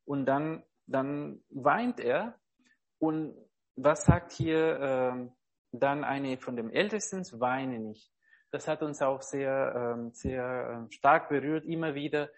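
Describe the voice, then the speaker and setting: A preacher with a medium-pitched voice gives an informal devotional sermon. He's earnest but halting, often searching for words and checking in with his listeners.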